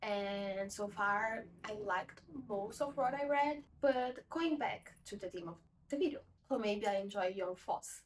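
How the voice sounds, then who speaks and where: A young woman whose mother tongue is Portuguese, from a Portuguese-speaking country, reviews a book casually in her home, with bookshelves in the room. She speaks a little slowly in a medium-pitched voice, rambling and often fixing her own words. Sitting far from the camera's mic, she comes through on a rough recording with slight background noise.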